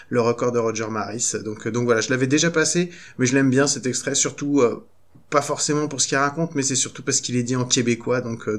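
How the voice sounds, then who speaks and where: Chatty French podcast co-host. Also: male voice, medium pitch. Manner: chatty and rambling, many hesitations. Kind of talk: casual chat.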